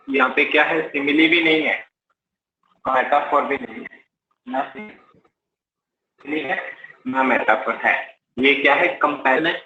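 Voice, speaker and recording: A man's voice: on the high side, bright, forceful tone, slight background noise. A man with an Indian English accent teaching a live exam-prep class, explaining step by step and asking and answering his own questions. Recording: roomy, slightly dull live-class audio.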